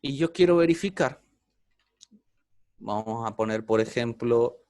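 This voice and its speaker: A man's voice: medium pitch, measured pace, a little mellow, dry recording. Man, programming teacher, patient step-by-step explaining, dry close sound. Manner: explains step by step, often checks in with "¿bien?". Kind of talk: online programming class.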